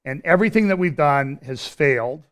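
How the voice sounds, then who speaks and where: A man presenting a church prophecy update in a conversational commentary style, pausing and restarting as he walks through a map and his views. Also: fairly high pitch, lively intonation, a bit bright. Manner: explains while pointing at a map on screen.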